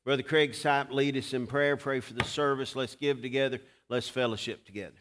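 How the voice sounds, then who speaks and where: A man preaching in a folksy Southern accent at a mid pitch. He addresses his congregation informally from the pulpit, with halting, exhorting delivery. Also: steady tone, a bit bright, a little hiss or hum. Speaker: pastor. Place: large church sanctuary, at the pulpit.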